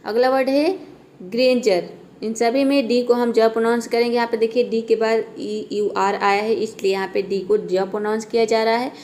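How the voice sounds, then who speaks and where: A woman English teacher giving a beginners' pronunciation lesson, explaining patiently step by step and repeating each word slowly. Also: on the high side, steady tone, darkish tone, a little hiss or hum.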